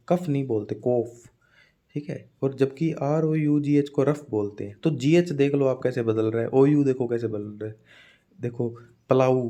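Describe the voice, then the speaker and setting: A man's voice: medium pitch, mellow. A man teaching an exam-preparation phonetics lecture in a casual classroom manner, often checking in with his students as he explains.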